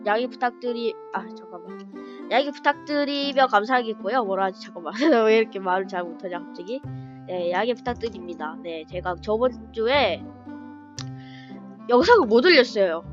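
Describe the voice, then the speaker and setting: A woman hosting a gaming channel, talking casually over gameplay in a chatty way, cheering at good moments and often restarting her sentences. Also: a little high. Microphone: device mic, screen-recorded voice-over. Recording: slightly muffled with faint background music.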